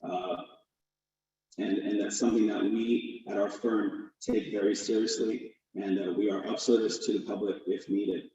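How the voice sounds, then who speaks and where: An attorney in his forties from Los Angeles, USA, gives an earnest, formal presentation as a guest speaker at a community town hall over a video call, with fillers and restarts. His voice is on the low side, warm, at normal speed with little pitch movement. The video-call audio sounds echoey, distant, and dull.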